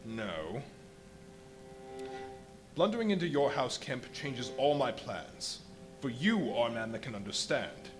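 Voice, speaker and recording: A man acts out a ruthless scientist drunk on power in a live radio play. He speaks at a middle pitch, imperious and deliberate, with menace in his phrasing, over prominent music. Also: very animated. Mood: scheming, deliberate. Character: ruthless, megalomaniac invisible scientist plotting a reign of terror. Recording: live stage recording with music underneath.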